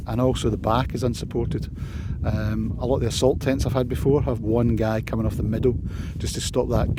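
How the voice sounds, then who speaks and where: A man with a Scottish accent chatting casually and in an understated way as an outdoor vlogger reviewing gear, recorded outdoors. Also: medium pitch. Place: outdoors on a windy hillside campsite, in and by a tent. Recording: windy outdoor recording with loud noise.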